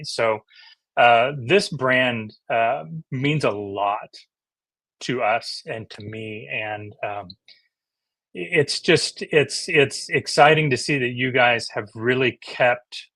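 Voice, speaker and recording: Middle-aged male host, excitable and halting, mid pitch, dry recording. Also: no echo. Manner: enthusiastic, halting with many restarts. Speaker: host of a DJ livestream. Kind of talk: casual livestream chat.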